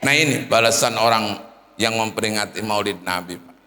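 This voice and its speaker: A man's voice: lowish voice, moderate pace, sharp tone. A man preaching a comedic sermon, telling a story animatedly and addressing the listeners as sir and ma'am. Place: prayer hall. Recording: long hall reverb.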